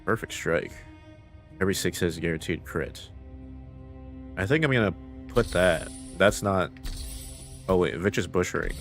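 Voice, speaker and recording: A man streaming a video game live, muttering the game's text to himself and breaking into loud, profane, laughing jokes with his viewers. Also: deep voice, normal speed, long pauses, soft background music. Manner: mutters game text, then bursts into loud excited joking. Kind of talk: live gameplay commentary.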